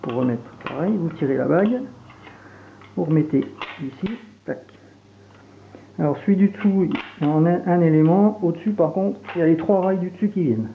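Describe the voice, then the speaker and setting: A slightly high, gravelly-voiced airsoft reviewer from Franche-Comté talks fairly quickly in a regional French accent while casually unboxing and demonstrating gear. He stays relaxed yet hesitant, with many fillers as he handles the equipment, and the recording sounds tinny and phone-like with a faint hiss.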